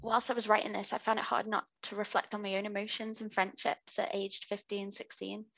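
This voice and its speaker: British woman, podcast host, true crime narration, friendly asides, mid-pitched voice. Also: little pitch movement, fairly quick, creaky, fairly bright tone, poor audio. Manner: chatty asides while narrating.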